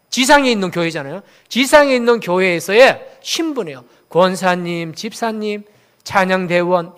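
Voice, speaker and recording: A high-pitched pastor from Daegu, South Korea, preaches a sermon. He asks the congregation questions and has them repeat phrases after him.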